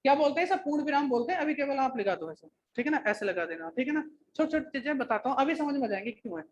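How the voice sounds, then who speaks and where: High-voiced male teacher dictating to a class. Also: animated, slight background noise. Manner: dictates slowly, repeating phrases, constantly checking in with students. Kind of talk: classroom grammar lecture. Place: coaching classroom.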